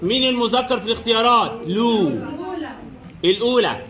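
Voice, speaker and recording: Man, very high voice, Egyptian Arabic accent, French teacher, repeats questions and answers, classroom drill. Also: fairly quick, crowd noise. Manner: repeats each question and answer, quizzing students. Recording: echoey room.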